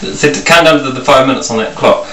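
A man's voice: medium pitch, quick pace, fairly bright tone. A man in his thirties chatting casually while shivering in ice cold water in a bathtub. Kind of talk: casual chat with the camera operator. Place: small bathroom, sitting in a bathtub. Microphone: handheld camera a short distance away. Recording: echoey noisy bathroom, distant camera mic.

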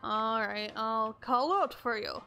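A woman's voice: a little high, gravelly, bright, forceful tone, soft background music. A woman streamer chatting casually and goofily with friends while playing a game, laughing often. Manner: giggly, goofy, quick to laugh. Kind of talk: casual gaming chat with friends.

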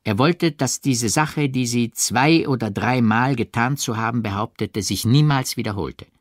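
A man narrating a classic novel as an audiobook in a measured, expressive reading. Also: mid-range voice, no room sound, studio quality. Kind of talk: scripted literary narration.

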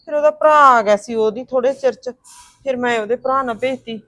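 An actress playing a woman who comforts and reassures her grieving sister-in-law and calmly explains what has happened. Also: a little high, a little fast, no echo, close to an everyday voice. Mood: explaining. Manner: soothing, reassuring, talks it through. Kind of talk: Punjabi family drama acting.

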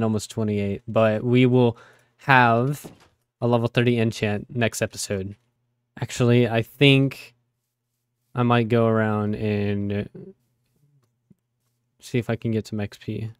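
Male gaming host, mid-range voice, hoarse and fading; casual play-by-play, dry recording. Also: mid-range voice, darkish tone, dry recording. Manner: chatty, easily surprised exclamations. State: raspy, voice giving out. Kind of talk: casual Let's Play commentary.

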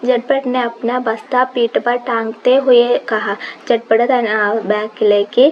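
A woman teaching a Hindi story lesson, reading lines slowly and then explaining them with quiz questions. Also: on the high side, flat delivery. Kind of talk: line-by-line textbook explanation. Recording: dull lo-fi audio with faint background hiss.

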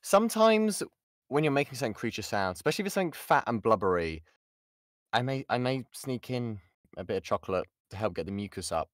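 A British man gives a relaxed voice-acting lesson over an online call, fielding audience questions. Medium in pitch with big swings, he talks fairly quickly, close to the mic with no room sound, and his jokey, chatty style has him often interrupting himself.

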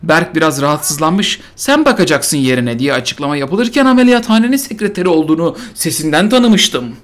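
A man's voice: on the high side, animated, fairly quick, fairly bright tone. A man reading a story aloud and mocking it, sarcastic and mock-solemn, repeating lines for comedy. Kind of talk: mocking dramatic reading with game chatter.

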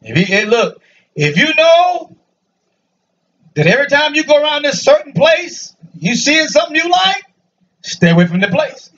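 A man preaching a lively sermon to a congregation in a church, joking and calling out for answers. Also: very high voice, moderate pace, long pauses. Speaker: pastor. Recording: dull, distant church recording.

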